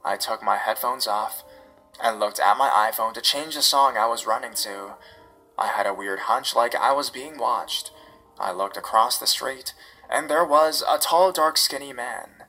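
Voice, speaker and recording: Bright-voiced male horror story narrator. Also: mid-range voice, measured pace, faint music behind, rough recording. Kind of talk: scripted first-person story narration.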